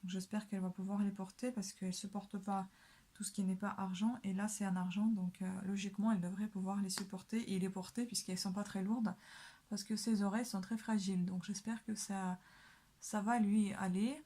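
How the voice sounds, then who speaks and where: A woman's voice: mid-range voice, flat delivery, brisk, warm tone. A young woman chatting casually while doing her makeup, full of hesitations and fillers. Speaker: beauty vlogger.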